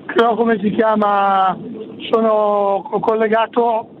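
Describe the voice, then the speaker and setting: A man calling a radio show over the phone from a moving car, explaining earnestly with halting restarts. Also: sits high, flat delivery. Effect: heard over the phone. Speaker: radio caller. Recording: tinny phone line from a car with faint noise.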